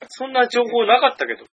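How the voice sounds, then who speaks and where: A man co-hosting a podcast, chatting casually with quick, teasing banter. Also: extremely high pitch, fairly even intonation, a bit bright, highs cut off, slight background noise. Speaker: podcast co-host. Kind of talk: casual chat.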